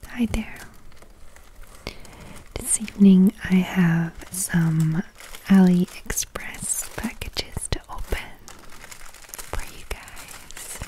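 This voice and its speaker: A woman whispering softly and breathily in a slow, gentle, chatty ASMR style, with crinkling packaging behind her. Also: lowish voice, low-quality recording. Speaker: ASMR video host. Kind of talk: soft-spoken whispered ASMR. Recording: close mic with crinkling plastic packaging. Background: crinkling packaging sounds.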